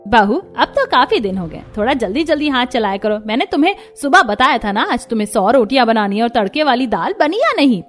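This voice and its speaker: A woman's voice: fairly high pitch, very animated, faint music behind. A woman doing a bossy cartoon mother-in-law. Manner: commanding, hurried orders.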